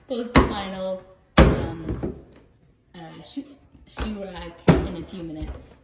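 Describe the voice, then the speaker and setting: A woman's voice: fairly low pitch, echoey room, very noisy. A woman hosting a casual home vlog, chatty, with the hiccups. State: has the hiccups. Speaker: vlog host. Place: home indoors.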